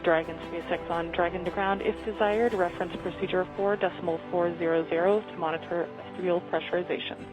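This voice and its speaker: A woman's fairly low voice comes through a radio transmission, clipped and distant. She reads out procedure numbers and status calls in a terse, businesslike flight-control style. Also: steady tone, fast talker, few pauses, over music. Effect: radio transmission over the space-to-ground loop. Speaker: spaceflight controller.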